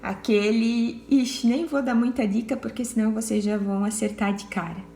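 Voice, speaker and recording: A woman's voice: a little high, steady tone, normal speed, warm tone, roomy sound. A Brazilian woman teacher giving word clues to children in a recorded lesson, patient and repeating herself. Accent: Brazilian Portuguese.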